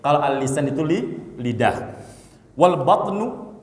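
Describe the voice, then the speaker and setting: A man's voice: fairly high pitch, animated, unhurried. Man preaching in an echoey hall. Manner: teasing asides to listeners; reads Arabic text, then explains it. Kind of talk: sermon. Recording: echoey hall with long reverb.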